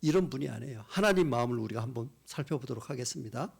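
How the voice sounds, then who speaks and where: A male pastor preaching a revival sermon in church, impassioned, dropping to hushed whispers and rising to loud cries. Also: medium pitch, expressive, very fast, creaky, husky.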